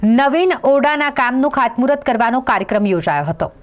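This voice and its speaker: Woman news reporter, scripted voice-over, fairly high pitch, steady. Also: fast talker. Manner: steady, formal reading.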